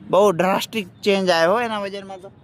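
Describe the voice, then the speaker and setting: A man's voice: high voice, fairly even intonation, fast talker. A young man vlogging outdoors on a walk, chatting and teasing a friend, filmed on a phone. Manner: chatty, teasing, addresses viewers directly. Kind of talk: casual walking vlog. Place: outdoors by a riverfront. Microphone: phone held by a friend.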